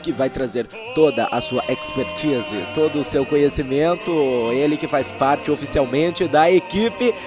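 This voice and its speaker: A man's voice: a little high, a little slow, few pauses, over music. A Brazilian man hosting a sports radio show, sounding a bit hungover as he presents.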